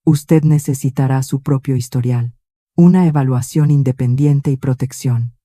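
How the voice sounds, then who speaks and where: A woman voicing a calm, firm male lawyer. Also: extremely low pitch, no echo, clean studio sound. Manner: quiet, firm, deliberate questions.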